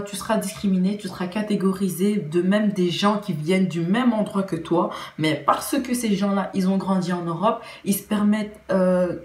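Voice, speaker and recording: A woman's voice: medium pitch, a little mellow. Belgian woman vlogging in a roomy echo. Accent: Belgian French. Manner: earnest, with many restarts and fillers. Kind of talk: casual opinion vlog.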